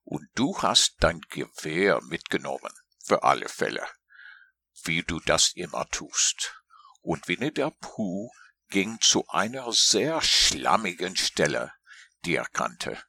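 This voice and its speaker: A man reading a children's storybook aloud, gentle and lilting in his telling. His voice is very low, with a gravelly, husky texture and a bright edge, and his pitch swings widely. The sound is dry and close. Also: dry recording.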